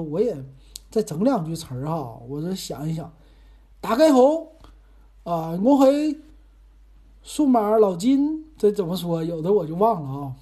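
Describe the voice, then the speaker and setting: Husky, mellow Northeastern Mandarin man. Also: high-pitched. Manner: chatty, rambling, self-deprecating. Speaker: podcast host. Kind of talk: casual monologue.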